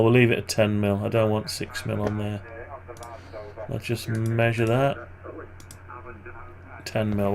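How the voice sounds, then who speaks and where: Man, low-pitched, groggy gravelly voice with vocal fry, casual think-aloud commentary, keyboard clicks and background murmur. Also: poor audio. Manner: hesitant, thinking out loud. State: groggy morning voice, clearing throat. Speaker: maker narrating a design tutorial.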